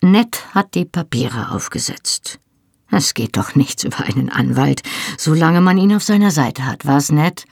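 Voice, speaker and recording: A man's voice: on the high side, animated, unhurried, vocal fry, husky, dry recording, studio quality, full character voice. A reader voicing a man, an impatient, domineering clan leader who speaks curtly and commandingly, in an audiobook. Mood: jovial. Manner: curt, commanding.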